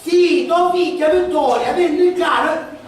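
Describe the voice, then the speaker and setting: A lead actor in an amateur stage comedy, with a Sicilian accent and loud, exasperated comic banter. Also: very high voice, slow pace. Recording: echoey hall, taped from far off. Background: laughing audience in a large hall.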